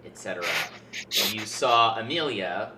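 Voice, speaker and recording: A man's voice: fairly low pitch, lively intonation, a little slow. A man running a tabletop game as game master, narrating casually to the players. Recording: echoey room, faint noise.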